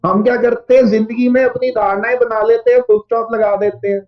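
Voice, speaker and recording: A man's voice: very high-pitched, fairly even intonation, fairly quick, lo-fi sound. A man giving a motivational talk, building his points with rhythmic repeated lists and acting out everyday excuses. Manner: acts out listeners' excuses in quotes. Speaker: motivational speaker.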